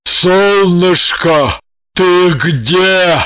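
A woman voicing a sleepy, doting husband who calls out to his wife in slow, drawn-out words. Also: on the low side, fairly bright tone, clear, resonant tone, dry recording. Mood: calling. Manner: drawn-out, calling from afar.

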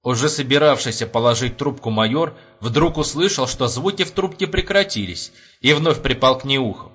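Expressive male audiobook narrator. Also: medium pitch, normal speed, slightly rough. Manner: expressive storytelling. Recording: lo-fi home recording.

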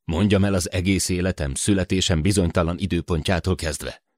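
Férfi hangján büszke, sértődékeny szőrös törzsi lény, mély, száraz hang. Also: male voice, low voice, steady tone, no room sound, clean studio sound. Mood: wry. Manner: touchy, sharp, hissing.

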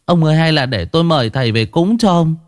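A man's voice: lively intonation, quick pace, no echo, studio quality, lightly acted. A man voicing a frightened older village wife who pleads and wails. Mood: pleading, fearful. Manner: high, pleading, wailing.

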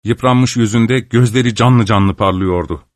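A man narrating a literary audiobook in a measured, even storytelling manner. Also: fairly low pitch, no echo, clean studio sound.

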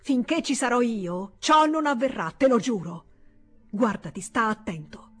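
A woman reading aloud voices a stern middle-aged male senator who thunders threats at his brother, her voice a little husky. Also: mid-range voice, expressive, normal speed, darkish tone. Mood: furious.

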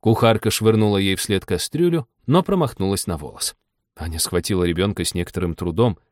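A man reading a storybook aloud in steady scripted narration. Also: deep voice, brisk, dry recording, studio quality. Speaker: audiobook narrator.

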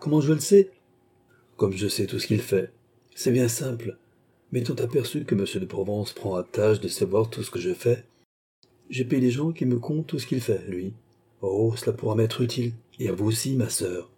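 A man's voice: mid-range voice, moderate pace, mellow, husky. A man reading an audiobook voicing a witty young prince who banters and teases. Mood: bantering.

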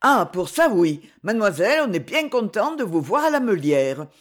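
A woman's voice: medium pitch, very animated, moderate pace. A woman doing a kindly old farmer. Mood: hearty, welcoming. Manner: simple, hearty rural speech. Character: kindly, plain-spoken older male farmer.

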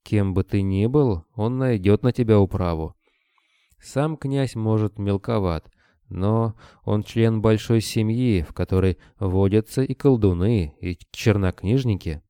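A man narrating an audiobook in a measured, even reading. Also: lowish voice, clean tone, no echo, studio quality. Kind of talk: scripted narration.

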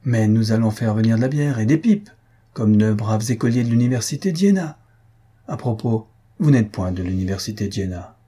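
A tipsy, jovial middle-aged baron holding forth with hearty mock solemnity, as a male reader voices him. The voice is husky and breathy, with a warm, dark tone. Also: on the low side, expressive, moderate pace.

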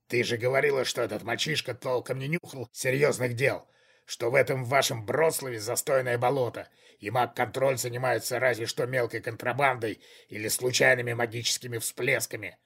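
A man voicing a menacing middle-aged conspirator who speaks in a hoarse, low, controlled voice. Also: steady tone, a little fast, fairly bright tone. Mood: pressing. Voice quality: hoarse, gravelly.

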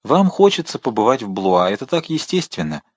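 A man reading the part of a noble older count who speaks gently and kindly to his ward. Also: medium pitch, big pitch swings, fairly quick, breathy edge, no echo. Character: noble older male count, calm and fatherly.

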